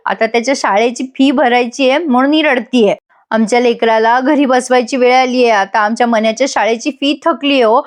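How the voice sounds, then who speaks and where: A woman's voice: on the high side, fairly even intonation, fairly quick. A woman narrating a TV serial episode recap as a voice-over, retelling scenes and voicing the characters' quoted lines, with a Marathi accent.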